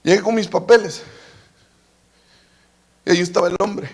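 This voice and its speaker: High-voiced preacher. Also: male voice, fairly even intonation, normal speed, creaky. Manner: storytelling with many repetitions and restarts. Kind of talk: sermon testimony.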